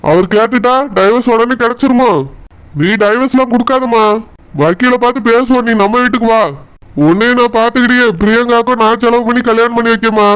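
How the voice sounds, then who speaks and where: A man's voice: very high voice, steady tone, a little fast, a bit bright, clean tone, low-quality recording. A man voicing a kind, protective older brother in a cartoon, with a Tirunelveli Tamil accent and a soothing, reassuring manner.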